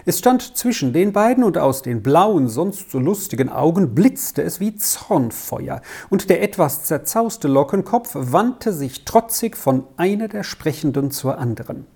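Woman narrator, animated mellow storytelling. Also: low-pitched, unhurried, hardly any pauses, slightly rough. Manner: expressive storytelling. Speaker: audiobook narrator. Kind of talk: scripted narration.

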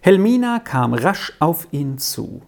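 A woman narrating a story aloud with an expressive reading style. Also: sits low, slow pace, gravelly.

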